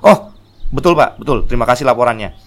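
A man's voice: medium pitch, animated, fast, lightly acted. A man voicing a polite, agreeable male airline pilot. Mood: eager.

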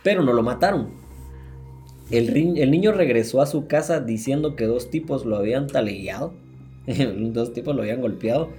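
Guatemalan guy hosting a podcast, warm mellow voice, swears a lot while telling true crime, faint music behind. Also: mid-range voice, expressive, moderate pace. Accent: Guatemalan Spanish. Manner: crude slangy retelling with swearing and laughs. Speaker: podcast host. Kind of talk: casual true-crime storytelling.

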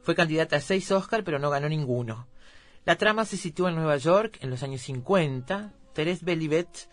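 A man hosting a film program, reading out film summaries in a measured, informative way. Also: a little high, lively intonation. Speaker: radio film show host.

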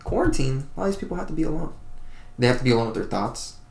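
A man's voice: mid-range voice, sing-song, very fast, creaky, a little mellow, reverberant. A young man from Florida co-hosting a podcast, talking in a laid-back, rambling way with lots of fillers. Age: young adult. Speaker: podcast co-host. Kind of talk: casual chat.

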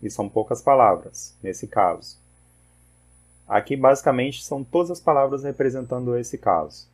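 A man teaching English pronunciation rules in a slow, methodical lesson, patiently repeating lists of words. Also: mid-range voice, animated, husky.

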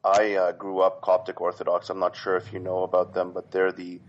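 A man from Canada calling in to a talk show, polite and halting, with many fillers and restarts. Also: low voice, completely flat delivery. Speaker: caller. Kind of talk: phone-in question. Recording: dull lo-fi phone line.

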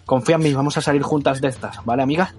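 A man's voice: mid-range voice, fairly even intonation, very fast, husky, natural voice. A man playing a brave, protective woman. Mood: reassuring. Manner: urgent, reassuring.

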